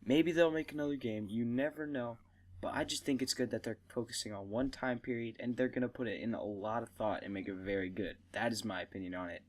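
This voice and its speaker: A young man chats on a homemade gaming podcast. He gives long opinions with easy enthusiasm and breaks into laughs now and then. His voice sits at an ordinary middle pitch. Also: fairly even intonation, fairly quick. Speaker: podcast host. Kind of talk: casual gaming podcast chat.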